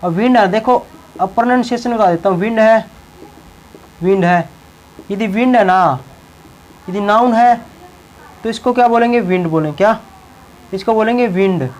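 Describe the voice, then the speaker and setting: High-voiced male teacher, repetitive. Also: normal speed, pauses often, poor audio. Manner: repeats words and tags lines with a check-in phrase. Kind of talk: classroom lesson explaining English verbs in Hindi.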